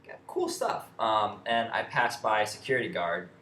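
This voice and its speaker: Low-voiced young man ranting casually. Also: moderate pace, bright, forceful tone. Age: young adult. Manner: rambling, profane, with many restarts and fillers. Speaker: vlogger. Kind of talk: casual storytelling rant. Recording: echoey room with faint ambient noise.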